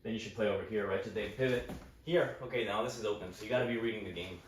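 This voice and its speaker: A man's voice: fairly low pitch, very fast. Man coaching table tennis in an echoey room. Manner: explains while training, thinking aloud, many "right?" tags. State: slightly out of breath. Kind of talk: casual coaching talk during practice. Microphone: camera mic from a distance. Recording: echoey room, distant mic, faint noise.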